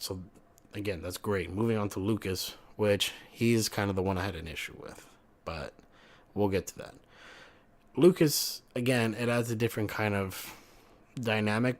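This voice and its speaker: A young man talks through a game review in a loose, rambling way. His voice sits a bit low, and he swears freely. He keeps stopping to correct himself mid-sentence. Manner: rambling, profane, self-correcting.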